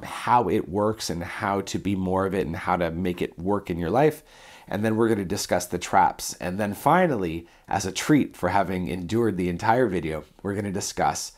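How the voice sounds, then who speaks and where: A man with a blocked, stuffed-up nose, sick and mouth-breathing, talking through a self-help lesson as a coach in a deliberate, earnest way. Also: sits low. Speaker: self-development coach and video presenter.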